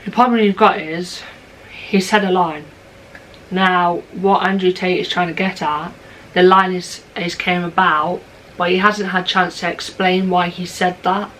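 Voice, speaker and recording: A woman's voice: lowish voice, steady tone, unhurried, fairly bright tone, slight background noise, low-quality recording. A young woman with a chavvy British accent, hosting a reaction video in casual, slangy chat. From Britain. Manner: slangy, informal speech.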